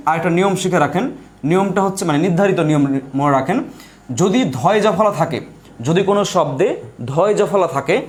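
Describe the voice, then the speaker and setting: A man's voice: high voice, a little mellow. A man with a Bangladeshi Bengali accent teaching an online language class, repeating points and answering his own questions. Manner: slows down to spell out letters.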